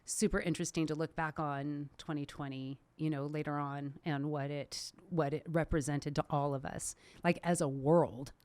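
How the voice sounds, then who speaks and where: Chatty woman podcast host, low voice. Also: moderate pace, few pauses, no room sound. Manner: laughs often, chatty and animated. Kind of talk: casual conversation.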